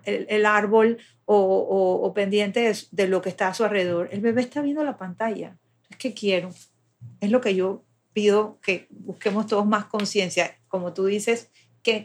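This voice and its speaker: A woman explaining child development step by step in a patient, conversational way. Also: medium pitch.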